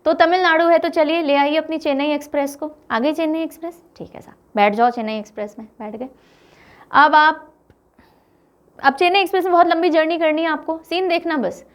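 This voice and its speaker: A woman's voice: high-pitched, brisk. A young woman teaching an exam-prep lesson, telling playful mnemonic stories and mixing in English words. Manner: lively, playful storytelling with acted asides; mixes English words into speech.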